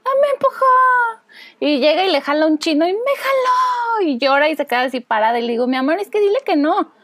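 A Mexican woman in her thirties chatting casually as a podcast co-host, animated and acting out children's voices. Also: high-pitched, rapid-fire, dry recording. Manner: animated, acts out kids' voices with squeals. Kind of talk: casual chat.

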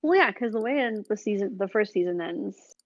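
Gravelly-voiced woman chatting casually. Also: medium pitch, fairly quick, highs cut off, a crowd in the background. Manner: chatty, animated when describing shows. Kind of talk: casual chat.

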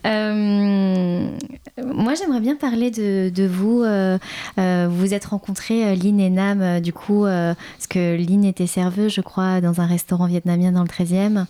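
A woman interviewing guests, chatty and relaxed, with frequent fillers. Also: mid-range voice, unhurried, smooth. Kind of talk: casual interview.

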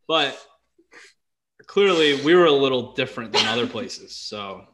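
A man's voice: medium pitch, expressive, unhurried, a bit bright. A man in a casual podcast chat, making dry joking asides.

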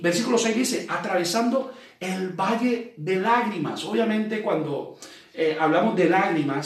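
Echoey preacher man, distant mic. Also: on the high side. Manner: conversational preaching with frequent rhetorical "¿verdad?"; reads scripture aloud slowly, then explains it. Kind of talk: sermon.

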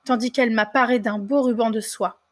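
A woman's voice: a little high, steady tone, a little fast, lightly acted. A woman speaking as a birch tree in a fairy tale, in her everyday storytelling voice. It complains plainly. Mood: aggrieved. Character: spiteful birch tree turned grateful.

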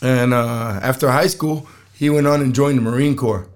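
A man talks casually as a solo podcast host. His voice is rough and strained, with frequent throat clearing. He tells his story plainly, in halting phrases with pauses. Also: mid-range voice, steady tone.

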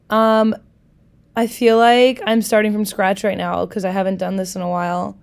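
A woman's voice: mid-range voice, a little mellow, clear, resonant tone. A woman in her thirties from Wisconsin, hosting her podcast in a bubbly, chatty way, talking straight to her listeners with slang. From Milwaukee, Wisconsin. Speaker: podcast host. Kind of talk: casual chat.

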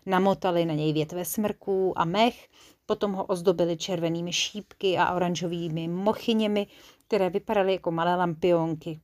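A woman narrating a children's bedtime story in a calm, clear storytelling manner. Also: fairly low pitch, no echo.

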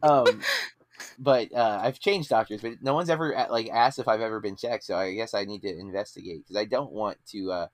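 A man's voice: fairly low pitch, fairly quick, dry recording. Rambling man in his thirties hosting. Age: 30s. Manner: rambling, many fillers and restarts. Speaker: podcast host. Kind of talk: casual chat.

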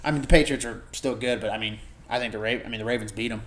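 Animated man in casual sports chat. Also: medium pitch, racing. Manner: animated, laughs easily, trails off mid-sentence. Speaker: podcast co-host. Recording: roomy with faint background noise.

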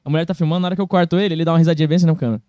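A man, a podcast guest and singer telling stories in an animated, quick way. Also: on the high side. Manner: animated, quick storyteller acting out quotes. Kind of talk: casual storytelling chat.

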